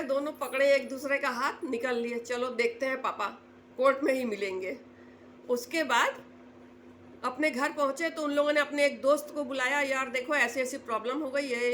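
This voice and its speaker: A woman telling a family story in casual spoken style, acting out the quoted lines in a lowered voice. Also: fairly bright tone, slight background noise.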